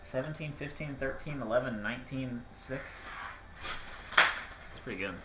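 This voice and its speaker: A man's voice: mid-range voice, normal speed, heavy background noise. A man playing a tabletop game, teasing and laughing with friends. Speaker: player. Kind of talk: casual tabletop game chat.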